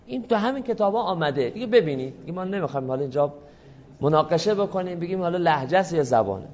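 A man giving a classroom lecture in a measured, explanatory way, politely addressing the audience and answering their questions. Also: a little high, expressive, darkish tone, highs cut off.

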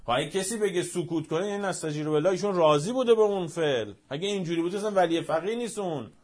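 A man giving an impassioned religious-political speech, rhetorical and fervent, swinging between raised outbursts and quiet, low asides. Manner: fervent, rhetorical, swings from shouting to near-hushed.

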